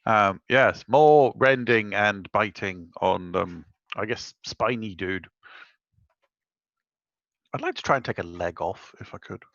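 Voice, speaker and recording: A man's voice: fairly low pitch, slow, fairly bright tone, no room sound, dull audio. A man chatting casually and jokily as a player in a tabletop game. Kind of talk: casual, jokey game chat.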